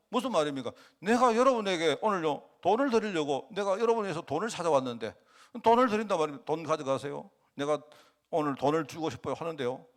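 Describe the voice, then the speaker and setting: A male pastor preaching a conversational sermon in a church, often asking the congregation rhetorical questions. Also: a little high.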